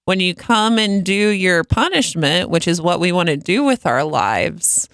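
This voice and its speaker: A woman's voice: on the low side, big pitch swings, unhurried, a bit bright, no room sound. A young woman co-hosting a podcast as a stand-up comedian, casual chat with a dry, teasing manner.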